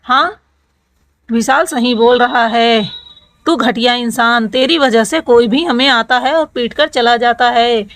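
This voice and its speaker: A contemptuous young man piling insults on a friend, read by a woman storyteller. The voice sounds high and a touch lifted. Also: a little slow, a bit bright, no room sound. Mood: scornful.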